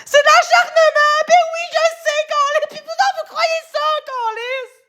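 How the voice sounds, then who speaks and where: A woman with a Québécois accent ranting on a livestream, swearing constantly and often shouting. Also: very high voice, steady tone, measured pace. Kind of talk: angry livestream rant.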